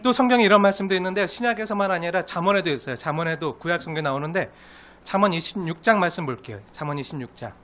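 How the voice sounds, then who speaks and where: A man pastor delivering a sermon in a high, bright voice. He presses each point emphatically and keeps turning to the congregation with rhetorical questions. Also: racing.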